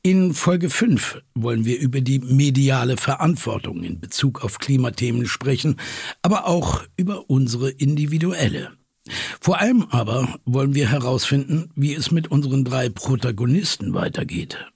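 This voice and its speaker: A gravelly, husky podcast host. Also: male voice, medium pitch, lively intonation, moderate pace, a little mellow, dry recording, studio quality. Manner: probing, hesitant questions. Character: podcast host interviewing, probing journalist. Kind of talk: scripted podcast interview in an audio drama.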